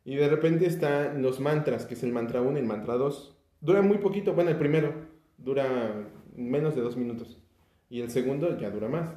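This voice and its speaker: A man's voice: mid-range voice, moderate pace. Laid-back Mexican man in an echoey room. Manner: relaxed, hesitant, many fillers and restarts. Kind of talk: casual podcast chat about music.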